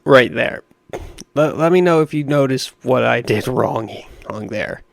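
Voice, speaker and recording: A young man with a raspy voice giving rambling, self-deprecating commentary over a video game. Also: medium pitch, expressive, a little slow, no echo, clean studio sound. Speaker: gaming YouTuber. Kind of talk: casual gameplay commentary.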